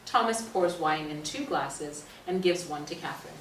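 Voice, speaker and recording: Reading stage directions for a scripted reading, a woman speaks at a moderate pace in a fairly low voice. The mic picks her up from afar in a roomy space with faint surrounding noise.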